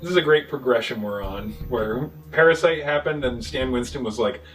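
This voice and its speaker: A man's voice: medium pitch, distant mic, faint music behind, rough recording. A man acting out a profane, joking movie recap. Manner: profane, jokey retelling with quick voices for characters. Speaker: podcast co-host. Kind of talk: casual movie recap chat.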